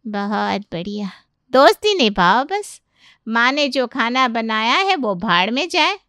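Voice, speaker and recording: Cartoon mom-in-law, fussy and nagging, high sharp voice played by a woman. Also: very animated, slow pace, clear, resonant tone, no echo, clean studio sound, heavily acted. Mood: exasperated. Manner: complaining, exasperated scolding. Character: fussy exasperated middle-aged mother-in-law. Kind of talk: cartoon voice acting.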